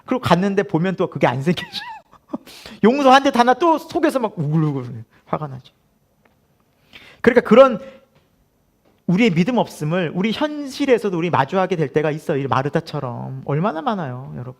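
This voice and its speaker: A man's voice: high voice, huge pitch swings, normal speed, vocal fry. A male pastor preaching a sermon at a midweek prayer service. He asks the congregation questions, laughs often and acts out the voices he quotes.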